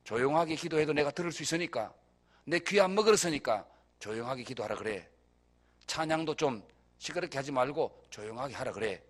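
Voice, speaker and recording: A male pastor voicing God as a grown man who is annoyed by noise and gives gruff, dismissive orders. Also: mid-range voice, lively intonation, brisk, voice pushed down, natural voice. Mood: irritated.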